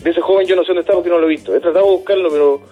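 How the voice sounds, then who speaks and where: A man, a dismissed youth care worker, answering in a radio interview in an earnest, halting way, often repeating words. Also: high voice, phone-quality sound, soft background music.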